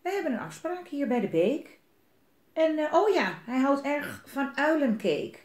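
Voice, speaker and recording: A woman's voice: sits high, very animated, a little slow, voice pushed up. A woman voicing a small, clever, boastful mouse in a children's storybook reading, with a cheeky, self-assured manner. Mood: cocky. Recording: roomy echo.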